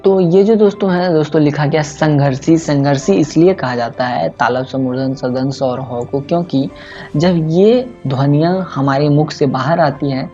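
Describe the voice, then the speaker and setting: A man's voice: a little high, warm tone, muffled recording, soft background music. A man teaching a lesson over slides, addressing listeners as friends and often checking in with "okay". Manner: fills pauses with a frequent "thik hai".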